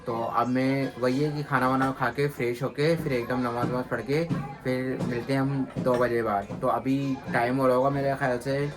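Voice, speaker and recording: Music plays behind this vlogger father as he narrates casually to his phone camera from a rooftop and a street market, pointing things out to his audience. His mid-range voice moves little in pitch and keeps a moderate pace, with street noise and passing vehicles in the mix.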